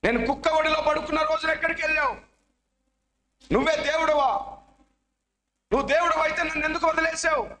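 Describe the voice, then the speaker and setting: A man voicing a distraught young boy who sobs and accuses God through high, wailing questions, in an echoey church hall. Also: fairly even intonation, a little fast, pauses often, sharp tone, full character voice. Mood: sobbing, anguished.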